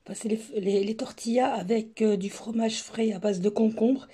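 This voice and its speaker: Hoarse woman chatting through recipes. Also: on the high side, fairly even intonation, normal speed, dark tone. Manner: chatty, hesitant with many fillers. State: hoarse, sore throat. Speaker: home cooking vlogger. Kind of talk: casual cooking and decor walkthrough.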